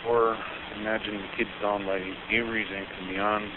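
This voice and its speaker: A man's voice: lowish voice, little pitch movement, a little fast. A man calling a sheriff's office about school buses, talking plainly and informally, heard over a clipped phone line. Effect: clipped, tinny phone line. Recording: archived tinny phone call with hiss.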